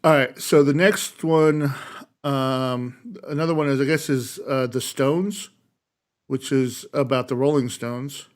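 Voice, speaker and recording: A man's voice: medium pitch, fairly even intonation. A man co-hosting a podcast, telling stories in casual chat with frequent fillers and restarts. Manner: storytelling, halting with fillers. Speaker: podcast co-host.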